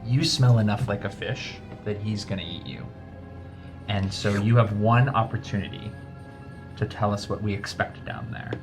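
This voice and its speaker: A man's voice: on the low side, over music, lightly acted. Man as a menacing, ruthless adventurer. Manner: deliberate, menacing. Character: threatening, ruthless dragon-keeping adventurer named Wrath. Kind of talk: in-character tabletop role-play.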